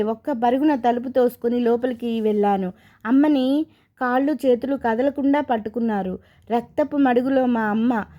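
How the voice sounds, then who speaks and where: A woman voicing a grieving young married man haunted by his past, told slowly and from the heart. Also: on the high side, highs cut off, natural voice.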